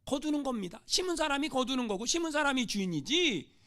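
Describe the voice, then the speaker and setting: A man voicing stubborn jungle villagers who flatly state their rule, in a sermon story. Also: extremely high pitch, fast, voice pushed up, exaggerated voice. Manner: flat declarations of their rule.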